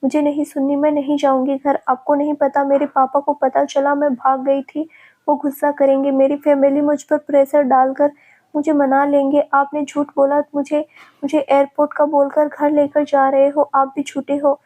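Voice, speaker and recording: A woman's voice: high-pitched, monotone, normal speed, warm tone, muffled recording, close to an everyday voice. A woman voicing a frightened young woman who pleads anxiously through tears. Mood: tearful.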